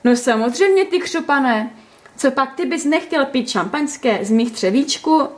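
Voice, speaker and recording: A woman doing a shrill, touchy young heroine. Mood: indignant, playful. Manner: high, excitable, indignant. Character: lively, touchy young woman playing a game. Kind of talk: storybook reading.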